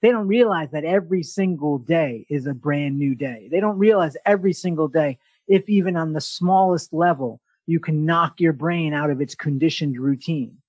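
A man hosting a podcast, giving an energetic motivational talk and often restarting his sentences. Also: on the high side, moderate pace, hardly any pauses, breathy edge, dry recording, poor audio. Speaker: podcast host.

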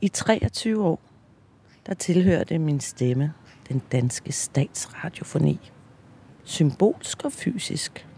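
A middle-aged Danish woman hosts a personal audio diary podcast, narrating in a slow, reflective voice-over that's hesitant, self-deprecating and full of fillers. Her voice is low, expressive, creaky and dark, with slight background noise, and her handheld mic pops on P sounds.

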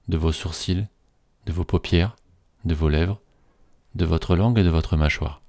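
A man slowly reading a guided relaxation script in a soothing, measured way. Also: low voice, dark tone, dry recording, clean studio sound.

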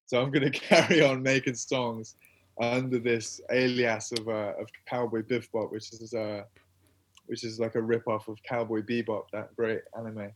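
A man's voice: mid-range voice, little pitch movement, moderate pace, slight background noise. Young guy rambling on in a chill interview, laughs a lot, mid voice, keeps restarting. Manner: rambling and self-mocking, laughs often, many restarts. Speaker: interview guest, musician and filmmaker. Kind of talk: casual interview chat.

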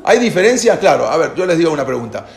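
A man's voice: on the high side, very animated, fast, vocal fry. Man lecturing in an echoey room. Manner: explains with questions to listeners, repeats and restarts. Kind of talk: informal lecture. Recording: echoey room with faint background noise.

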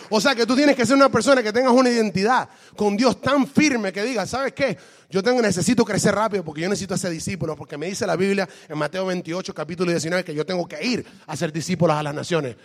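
A man preaching a sermon, lively, switching between Spanish and English and asking the congregation questions. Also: high-pitched, in a large hall. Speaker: pastor.

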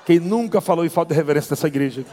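Northeast guy preaching his testimony, high voice, acts out everybody, long echo. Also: racing. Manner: animated, acts out voices, laughs often. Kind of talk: testimony sermon storytelling. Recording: long hall reverb.

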